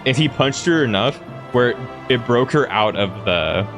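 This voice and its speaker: A man's voice: medium pitch, expressive, normal speed. A young man casually commentating a game on a live stream, rambling, swearing and filling with "like". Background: faint game music.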